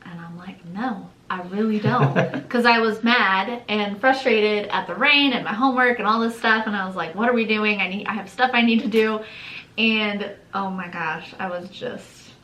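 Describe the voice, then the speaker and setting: A young woman co-hosting a channel, telling a story in a casual, animated way, acting out quotes and laughing often. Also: mid-range voice, moderate pace, a little hiss or hum. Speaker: channel co-host. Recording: echoey room.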